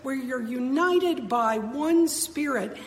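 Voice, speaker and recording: High-voiced American woman preaching in cathedral echo. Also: lively intonation, slow. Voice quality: echoing in a long cathedral-like reverb. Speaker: pastor. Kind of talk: sermon, addressing a congregation. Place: large church sanctuary. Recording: long church reverb, clear background noise.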